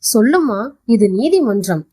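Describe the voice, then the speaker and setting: A woman voicing a wise young male judge who questions gently and probingly. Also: on the high side, sing-song, unhurried, breathy edge, heavily acted.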